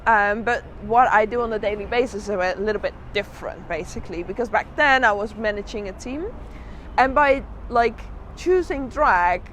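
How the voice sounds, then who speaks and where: A woman's voice: mid-range voice, normal speed, a bit bright. A woman giving a candid, reflective interview as a drag artist, telling her story with emphatic repeated phrases. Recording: noisy outdoor urban spot with traffic.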